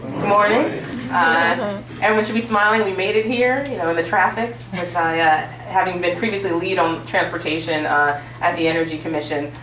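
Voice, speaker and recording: Low-voiced woman commissioner in a hall. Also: moderate pace, few pauses, crowd noise. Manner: formal, policy-focused, with many "uh" fillers. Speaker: state utilities commissioner on a panel. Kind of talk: prepared panel remarks. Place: large auditorium stage with audience. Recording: roomy hall sound from a distance.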